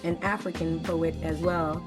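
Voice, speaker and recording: A woman's voice: low voice, flat delivery, normal speed, music in the background. A woman chatting casually about an event she is organizing, rambling with many fillers. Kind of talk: casual chat.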